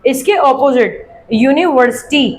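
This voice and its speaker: High-voiced woman teaching English grammar. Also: poor audio. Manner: slow, spelled-out example sentences between quick explanations; asks questions and answers them herself. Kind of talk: explaining a grammar worksheet.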